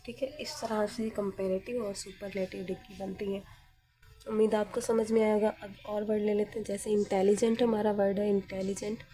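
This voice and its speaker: A woman's voice: medium pitch, level tone, moderate pace, mellow, breathy edge. A woman teacher explaining grammar step by step in a patient manner, often asking questions and then answering them herself.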